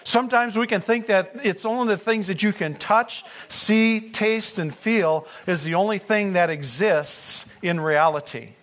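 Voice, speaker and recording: A man's voice: high voice, unhurried, hardly any pauses, fairly bright tone. A man preaching a sermon as pastor, reading scripture and speaking earnestly, rising to fervent emphasis.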